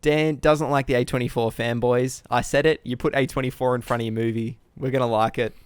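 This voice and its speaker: A man's voice: mid-range voice, steady tone, a little fast, clean tone, no room sound. Teasing man reading film ratings. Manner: playful, teasing, laughs while reading stats. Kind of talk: casual comedic banter. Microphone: podcast mic, remote recording.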